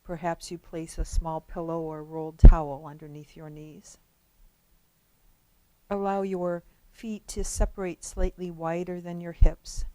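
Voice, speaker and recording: A woman acting as a meditation guide talks listeners through relaxation, soft and unrushed, with long pauses between her phrases. Her voice is lowish with little pitch movement, and the audio is poor, though there's no echo.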